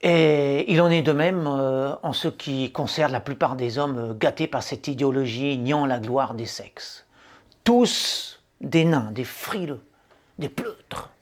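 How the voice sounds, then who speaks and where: A man's voice: mid-range voice, slow, lightly acted. A man playing an arrogant, self-proclaimed macho man who declaims grandly and pompously, with hesitant fillers breaking up his lofty phrases. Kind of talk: mock-solemn satirical declamation.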